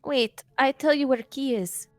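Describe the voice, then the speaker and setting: A woman voicing a small, sick female yeti wife with a put-on Russian accent, talking in halting broken English. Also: high voice, no echo, soft background music, voice pushed up, close to an everyday voice. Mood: feverish, pleading.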